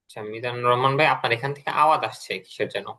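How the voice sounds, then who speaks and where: Brief: male online teacher, bright forceful tone, patient step-by-step explaining, call mic. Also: mid-range voice, very fast. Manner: explains step by step, repeats words for drills. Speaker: English teacher. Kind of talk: online class lesson.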